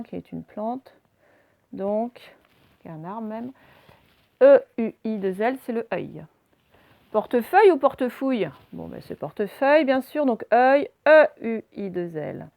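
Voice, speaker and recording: A woman's voice: medium pitch, creaky, dark tone. A woman teaching a spelling lesson to children, patiently spelling out words letter by letter.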